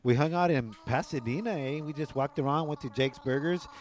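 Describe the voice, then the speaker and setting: A man's voice: a little high, a little fast, a little hiss or hum. A middle-aged man co-hosting a casual talk show, joking in slang and dropping bits of Spanish into his English. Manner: slangy, jokey, ends phrases with "eh". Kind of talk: casual chat.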